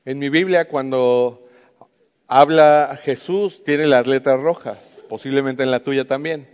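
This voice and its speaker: A man's voice: medium pitch, slow, a little mellow, clean tone. A man with a Mexican accent teaching from the Bible in a conversational way, often asking the listener questions. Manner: talks to the listener with frequent questions. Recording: muffled with long hall reverb.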